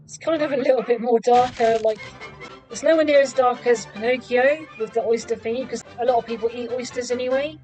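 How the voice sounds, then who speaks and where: A woman's voice: on the high side, a little fast, darkish tone, faint music behind, poor audio. A woman giving casual commentary as she hosts a film reaction. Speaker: reaction host.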